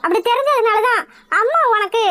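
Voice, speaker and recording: A woman voicing a trusting middle-aged mother in a cartoon, gentle and reassuring. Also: extremely high pitch, a little fast. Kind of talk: Tamil cartoon voice acting.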